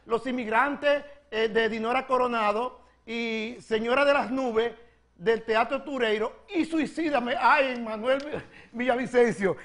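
In a TV comedy sketch, a man with a very high-pitched, slightly slow and somewhat bright voice plays a flamboyant, gossiping country woman from the Dominican Republic hosting a comedy gossip segment. Speaking with a Dominican accent, she's sassy, giggles, and calls everyone "mi amor."

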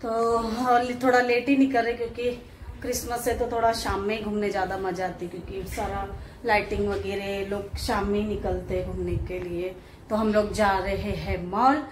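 A woman's voice: medium pitch, fairly even intonation, moderate pace. A woman chatting to her viewers in a casual home vlog, talking them through her day. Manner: chatty, addresses viewers directly. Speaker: family vlogger. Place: at home indoors. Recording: echoey room, faint background noise.

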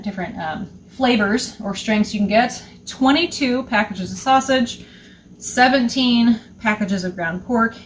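Woman, 30s, homestead vlogger, casual step-by-step explainer, mid pitch, faint room hum. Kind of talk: casual show-and-tell. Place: small indoor utility room.

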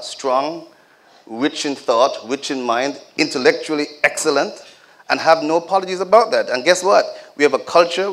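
A man's voice: mid-range voice, a bit bright. A man giving a speech at a community celebration. He exhorts the crowd in a preacher-like cadence and speaks to them directly, with joking asides.

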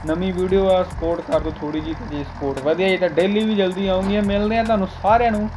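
Higher-pitched young man, bantering game commentary. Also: fairly even intonation, quick pace, background noise. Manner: bantering, exclaims and repeats short phrases. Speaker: gaming video creator. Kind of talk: casual gameplay commentary. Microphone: voice-over recorded over gameplay. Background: music.

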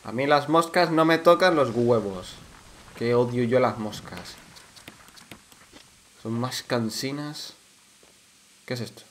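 A man with a Canary Islands Spanish accent giving casual, excitable commentary while playing a horror game, swearing and shouting at the enemies. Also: mid-range voice, slow, pauses often, a little hiss or hum. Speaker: let's play gamer.

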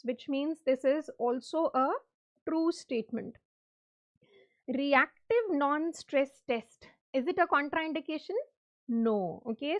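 A woman's voice: high-pitched, lo-fi sound. A woman with a North Indian accent teaching a live online quiz, instructive, repeating her points and checking in with students. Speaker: medical exam teacher hosting a live quiz. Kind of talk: interactive online lecture mixing English and Hindi.

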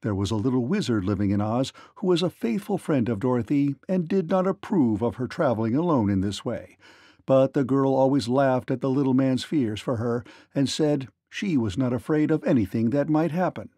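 Expressive male storyteller, dry close sound. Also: mid-range voice, moderate pace, dry recording. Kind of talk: children's read-along story narration.

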